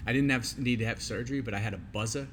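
A man's voice: mid-range voice, racing, a bit bright. A man hosting an interview, chatty and candid, asking questions casually. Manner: chatty and candid, laughs easily. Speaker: podcast host. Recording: noisy recording.

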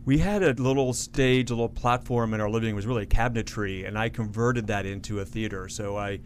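A man's voice: on the low side, fairly even intonation, fast talker, slight background noise. A man being interviewed as a guest on a radio show, talking at length in an earnest, self-correcting way. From Florida, United States. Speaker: guest, association CEO.

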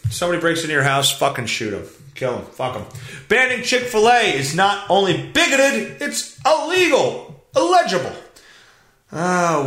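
Male podcast host ranting over headlines, foul-mouthed and exasperated, bright edgy voice in a roomy space. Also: a little high. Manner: profane, exasperated, blunt. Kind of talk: ranting solo commentary on news headlines.

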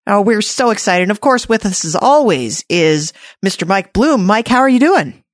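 A woman's voice: medium pitch, big pitch swings, normal speed, dry recording, studio quality. A woman hosting a casual recap podcast, chatty and playful, often restarting her sentences. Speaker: podcast host.

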